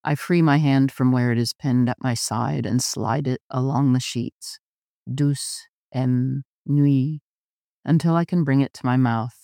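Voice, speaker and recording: A man reading a first-person literary story aloud in a measured, intimate narration. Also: mid-range voice, fairly even intonation, creaky, warm tone, no room sound, studio quality. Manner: measured, intimate, often slow. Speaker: audiobook narrator.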